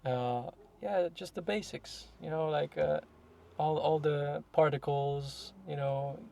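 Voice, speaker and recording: A young man with a fairly high, creaky, warm voice talks slowly in a casual, reflective podcast conversation. His speech is full of fillers and self-corrections.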